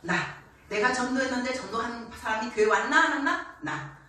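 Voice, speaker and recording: A middle-aged woman missionary preaching a sermon, animated and often laughing as she acts out the voices she quotes. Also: a little high, moderate pace. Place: church sanctuary. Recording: echoey church hall, distant mic, faint noise.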